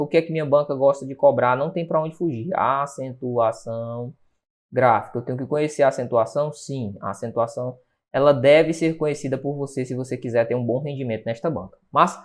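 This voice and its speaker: A man with a Brazilian Portuguese accent teaching an online exam-prep grammar lesson, lively and chatty, often pausing to check in with his students. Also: on the high side. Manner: lively, chatty, keeps asking rhetorical check-in questions.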